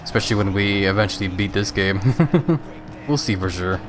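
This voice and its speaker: Laid-back low-voiced man streaming games. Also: normal speed, over music. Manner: laid-back, chatty, laughs often. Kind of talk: casual live-stream chat while gaming.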